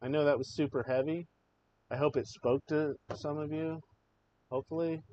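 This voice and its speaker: A man's voice: on the high side, steady tone, normal speed, a little mellow. A man hosting a live show, giving impassioned, emotional political commentary and swearing freely. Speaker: livestream show host. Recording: slightly dull audio with faint noise.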